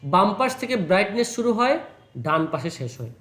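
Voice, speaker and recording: Patient computer teacher, high voice. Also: male voice, very animated, a bit bright, reverberant. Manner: reassuring, repeats words slowly for the student. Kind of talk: patient classroom instruction.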